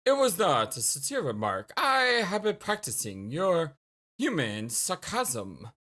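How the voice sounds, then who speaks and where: Woman doing a stiff, deadpan alien troll. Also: lowish voice, full character voice. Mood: dry. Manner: deadpan, formal, measured.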